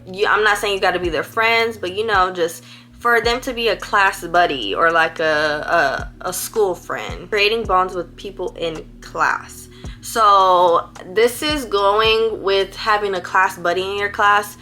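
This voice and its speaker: A woman's voice: medium pitch, bright, forceful tone. A teenage girl, giving school advice in a rambling, playful, chatty vlog. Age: teens. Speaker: vlogger.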